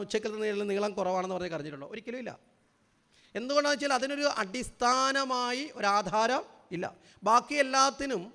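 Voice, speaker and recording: A man giving a spiritual talk to a gathering, often asking the audience questions and slowing down to stress key words. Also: extremely high pitch, creaky, sharp tone, long reverb tail. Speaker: spiritual speaker.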